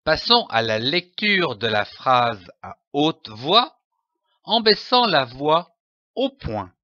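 A man teaching children to read, spelling out letters and syllables slowly and stressing each sound, on a dull, lo-fi recording. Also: mid-range voice, sharp tone, dry recording. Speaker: reading teacher. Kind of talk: slow, carefully enunciated reading lesson.

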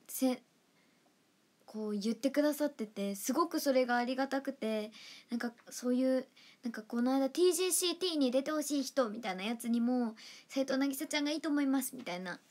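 Young woman chatting affectionately on a livestream. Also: a little high. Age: young adult. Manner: chatty, affectionate, giggly, sometimes drops to a soft whisper. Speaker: idol livestream host. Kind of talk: casual livestream chat reading fan comments.

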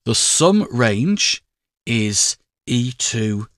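A man talking through a spreadsheet tutorial in a measured, step-by-step way. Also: medium pitch, very animated, a bit bright, dry recording. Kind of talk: screen-recorded tutorial narration.

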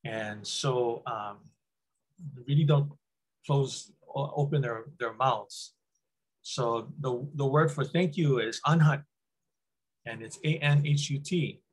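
His voice is mid-range and slightly rough, and he speaks slowly: a middle-aged man from Hawaii, invited as a guest speaker, talking loosely on a webcam call inside a small room. He restarts sentences and says um a lot. The recording is low quality.

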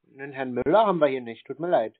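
Over a narrow, tinny phone line, a man baits a telemarketer by acting clueless and stubborn. He talks fast and expressively at a medium pitch.

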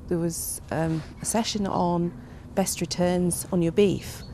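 A plain-spoken woman farmer in her fifties answers interview questions with a low voice. Her sentences trail off softly at the ends. Clear outdoor background noise runs under her words. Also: fairly even intonation, slow. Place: outdoors by a farmyard vehicle.

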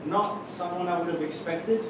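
In a theatre-stage reading, Adam, an anxious son fond of joking, is voiced by an actor who starts off wryly teasing his mother and ends up alarmed and shouting. The voice sits high, with fairly even intonation, a moderate pace, and a natural delivery. A distant camera without a visible mic captures the noisy, echoing hall.

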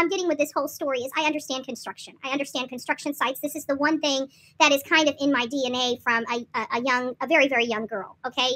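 A vlogger in her forties, voice sitting high with a sharp edge, tells animated casual stories to camera in a small indoor room. She's emphatic and repetitive, checking with viewers by asking "okay?" and "right?"

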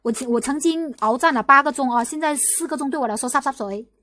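A young woman from Guangdong hosting a casual livestream, talking in rapid bursts full of restarts and repeated rhetorical questions. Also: high voice, bright, forceful tone. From Guangdong, China. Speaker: livestream host.

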